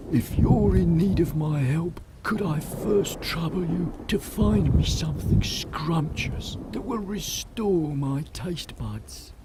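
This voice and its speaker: An actor playing an ancient, drowsy, kindly tree creature in a fantasy game, with a mellow, drawn-out, anxious manner. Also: male voice. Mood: apologetic, helpful. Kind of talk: game character acting. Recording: storm ambience and rumbling noise behind.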